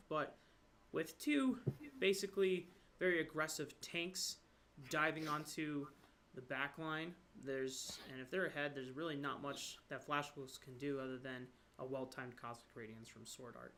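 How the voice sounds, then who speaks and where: A man with a fairly high, bright, forceful voice commentates a live esports match over a headset. He breaks down plays analytically, then jumps sharply up in pitch when something surprises him. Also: slight background noise. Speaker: esports caster. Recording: brief connection dropouts.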